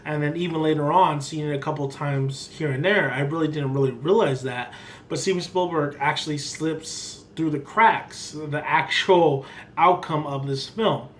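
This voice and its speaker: Male film reviewer, slightly high voice, rambling and emphatic, off-the-cuff delivery, faint background noise. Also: moderate pace. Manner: rambling, emphatic, repeats himself. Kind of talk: casual unscripted film review. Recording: clearly noisy background ambience.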